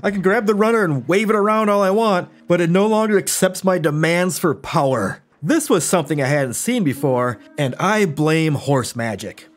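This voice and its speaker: Wry, higher-pitched male gaming narrator. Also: expressive, normal speed, few pauses, soft background music. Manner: wry, self-deprecating storytelling. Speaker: gaming YouTuber. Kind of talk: scripted gameplay narration.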